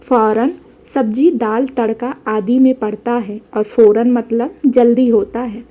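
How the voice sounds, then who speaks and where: An innocent young village bride who takes every word literally, speaking in simple, rustic phrases, as a woman narrator puts her on. The voice sits fairly high and sounds mellow. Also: fairly even intonation, measured pace. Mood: earnest. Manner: simple rustic speech, earnest.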